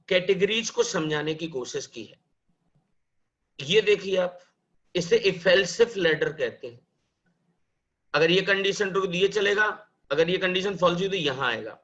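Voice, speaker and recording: Bright-voiced man teaching slowly. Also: high-pitched, dull audio. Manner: explains step by step, asks questions and answers them himself; mixes Hindi and English, calls students "bhai" and "beta". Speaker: programming teacher. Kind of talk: live classroom lecture.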